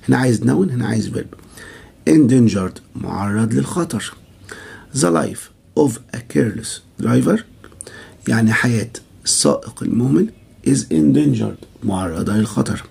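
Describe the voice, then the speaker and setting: An Egyptian man teaching English vocabulary, heavy gravel and rasp through his voice. His tone is dark and mellow, and his pitch moves a lot as he reads word pairs and repeats them. He asks himself questions and answers them. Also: lively intonation, a little slow. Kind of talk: vocabulary lesson, mixing Egyptian Arabic and English.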